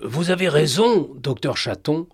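A man reading aloud plays a thoughtful professor who speaks earnestly and steadily. The voice is husky and dry, with a lively melody. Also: fairly high pitch, a little slow, no echo, voice pushed up, exaggerated voice. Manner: reasoned, earnest. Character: thoughtful male professor, calm and reasoned.

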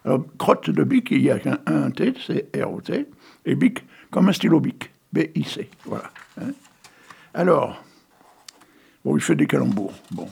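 A man with a deeply gravelly, rough-edged voice and a husky, breathy grain. He hosts a local radio show in a loose, rambling manner, reading verse and corny wordplay. He keeps tossing in little tag words and laughs at his own puns. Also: very animated, moderate pace, darkish tone. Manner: rambling, peppers speech with "hein", chuckles at own puns. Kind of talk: casual radio chat reading poems and puns.

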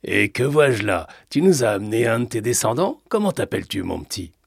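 A man's voice: lowish voice, very animated, fairly quick, creaky, husky, dry recording, clean studio sound, full character voice. A man voicing a jovial, mocking café owner who banters with regulars.

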